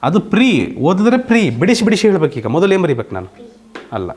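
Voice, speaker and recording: A man with a Karnataka accent teaching a slow, patient online grammar lesson, often asking students whether they understand. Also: high voice, sing-song, darkish tone. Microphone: computer mic on an online class call.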